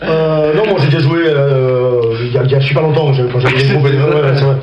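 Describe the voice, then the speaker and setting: A man's voice: mid-range voice, steady tone, fairly quick, muffled recording, crowd noise. A man, a band member guest on the radio, talking in a rambling, slangy way. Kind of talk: casual chat.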